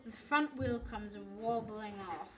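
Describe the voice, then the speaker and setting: Slow halting woman reading a story. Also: mid-range voice, background noise. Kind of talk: reading her own story aloud. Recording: voice from off the mic, people chattering behind.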